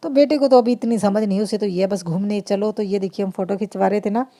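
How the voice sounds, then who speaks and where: A woman's voice: mid-range voice, steady tone, fast, mellow. A woman vlogger and mother chatting through a casual voice-over of her family video, laughing often and restarting her sentences.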